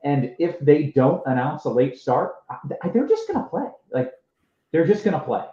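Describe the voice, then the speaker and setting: Through a muffled, echoey headset line that makes him sound underwater, a show host runs a laid-back live sports stream, joking and laughing freely. His fairly high voice is sing-song and dark in tone, at a moderate pace.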